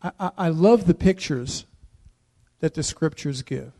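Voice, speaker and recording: Man preaching a sermon, fairly high voice. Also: a little slow, creaky. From United States. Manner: preacherly, shifts between soft asides and loud declarations; tells personal stories and asks the congregation questions. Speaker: pastor.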